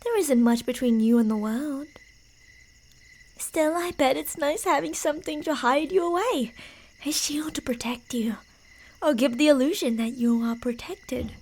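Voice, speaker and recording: At a moderate pace, a woman with a high, slightly mellow voice plays a delusional female yandere stalker in ASMR horror roleplay. Creepy and teasing, she narrates her prey's path in a playful, menacing way, slipping into whispers.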